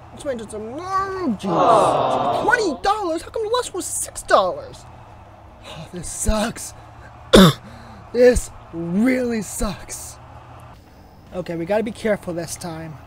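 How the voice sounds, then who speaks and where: A gaming YouTuber with a raspy, under-the-weather voice keeps up a casual running commentary at a middling pitch. They mutter and grumble to themself between chatty asides. Faint keyboard typing sits in the background. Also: slight background noise. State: sick with a sore throat, coughing.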